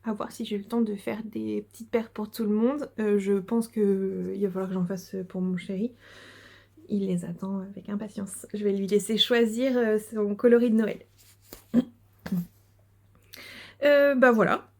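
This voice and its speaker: A woman's voice: mid-range voice, fairly even intonation, unhurried, gravelly, darkish tone. A woman chatting casually to her viewers as a knitting and sewing podcaster, hesitant with many fillers and given to giggles. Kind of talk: casual video chat showing crafts.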